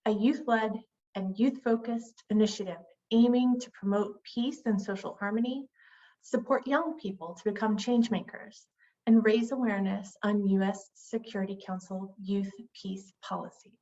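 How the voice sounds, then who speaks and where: A woman's voice: mid-range voice, fairly even intonation, moderate pace, mellow, highs cut off. A woman moderating a webinar, politely introducing the next panelist. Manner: polite, slightly flustered with screen sharing.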